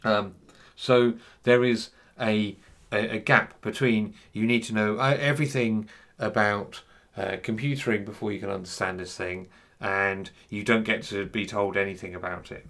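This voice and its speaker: A man giving an unscripted talk on software freedom, hesitant and full of fillers and restarts. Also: fairly low pitch, fairly even intonation, normal speed. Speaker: speaker on free software.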